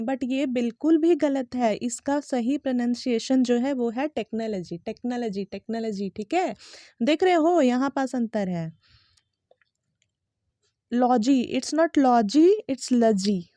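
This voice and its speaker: A young woman who speaks Hindi natively, teaching English pronunciation in a patient way, saying each word slowly several times and spelling it letter by letter. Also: sits high, mellow, no room sound, studio quality. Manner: patient, repeats words slowly and spells them out. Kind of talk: explaining lesson to students.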